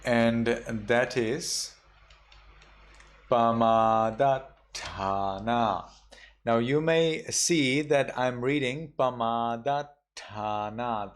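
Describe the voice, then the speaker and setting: A man, a Buddhist monk, teaching a class, going slowly through pronunciation rules and carefully repeating each example word. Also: mid-range voice. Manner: slow, patient, repeats example words carefully. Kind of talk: online class instruction.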